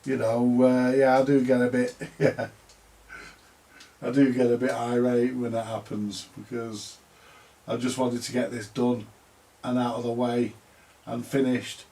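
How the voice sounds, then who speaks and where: Heard on a rough recording, a man with a mellow, medium-pitched voice speaks a little slowly, pausing often and barely varying his pitch. He's hosting a vintage radio repair video, rambling chattily in colloquial language and leaning on tag questions.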